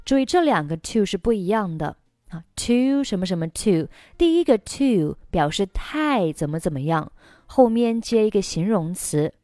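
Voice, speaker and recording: A woman teaching English in a recorded lesson, explaining slowly and carefully and repeating key words. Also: medium pitch, sing-song, warm tone, dry recording, clean studio sound.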